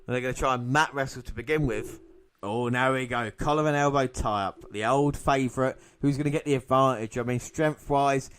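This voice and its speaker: Bright, excitable man commentating. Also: medium pitch, moderate pace, smooth. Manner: excitable, laughs often. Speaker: podcast co-host. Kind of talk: playful wrestling commentary.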